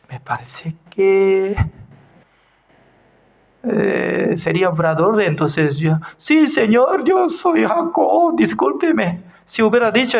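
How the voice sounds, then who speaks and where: A man with a high voice teaches a bible lesson at a slow, unhurried pace. He often pauses mid-phrase to hunt for the right word. He grows animated when he retells a story. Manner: halting, searching for words. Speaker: pastor teaching an evangelism class.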